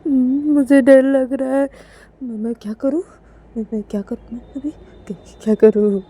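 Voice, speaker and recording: A woman's voice: high voice, steady tone, normal speed, warm tone, breathy edge, voice pushed up. A woman voicing a frightened young woman who frets and repeats herself while dreading her angry mother. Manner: panicky, fretful, repeating herself. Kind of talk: storytelling in voices.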